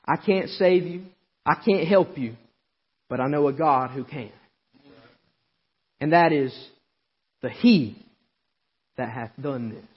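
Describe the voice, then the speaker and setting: A male preacher giving a sermon, swinging between hollering and a quiet, intimate tone. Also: a little high, slow pace, pauses often, husky, lo-fi sound. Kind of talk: Southern Baptist-style sermon. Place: church sanctuary.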